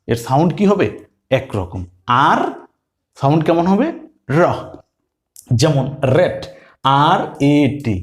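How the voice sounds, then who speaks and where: Speaking a little high, a man with a Bengali accent leads a phonics lesson. He goes slowly over English letter sounds, repeats every one, and directs questions at his learners.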